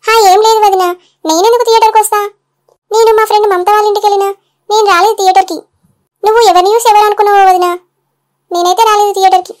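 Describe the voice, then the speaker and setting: A woman's voice: extremely high pitch, steady tone, racing, pauses often. A woman voicing a defiant young sister-in-law in a cartoon, curt and scolding.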